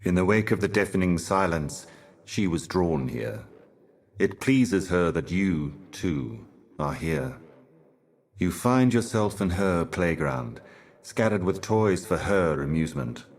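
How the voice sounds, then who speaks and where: An actor playing a solemn otherworldly herald of cosmic horrors in a video game, speaking in an ominous, grandiose and cryptic theatrical manner. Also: male voice, low voice, lively intonation, takes it slowly, exaggerated voice. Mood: solemn, brooding. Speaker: game character, messenger and guardian.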